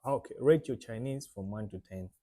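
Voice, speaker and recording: A man's voice: mid-range voice, moderate pace, warm tone, no echo. A man from Malawi hosting a casual interview, calling his guest "bro" and rephrasing his questions. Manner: friendly, calls guest "bro", repeats questions. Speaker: host, interviewer.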